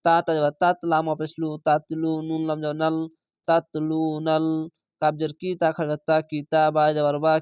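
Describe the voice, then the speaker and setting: Male Quran teacher, patient repetitive spelling drills, slightly high, clean voice, dry recording. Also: clean tone, no echo. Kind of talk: letter-by-letter spelling lesson.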